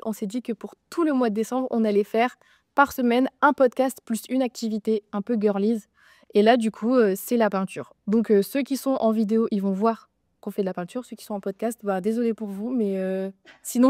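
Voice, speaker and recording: A woman's voice: on the high side, dark tone, no echo, clean studio sound. A young woman co-hosting a podcast, talking in a casual, informal way. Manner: informal, conversational. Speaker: podcast co-host. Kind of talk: casual chat.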